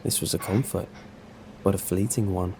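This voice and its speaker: A man narrating a scripted first-person story in a measured, serious way. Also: deep voice, steady tone, gravelly, darkish tone, slight background noise.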